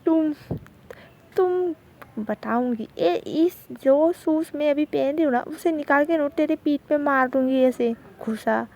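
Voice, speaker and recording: Woman voicing a rough, bossy footballer girl, high pitched, mellow. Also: measured pace, highs cut off. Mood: mock-threatening. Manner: bossy, mock-threatening. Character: tough, threatening college footballer girl.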